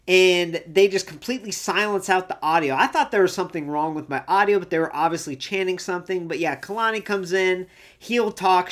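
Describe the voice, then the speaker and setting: A woman hosting a casual solo recap show, chatty and enthusiastic, who acts out the quotes she retells. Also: lowish voice. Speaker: wrestling recap host.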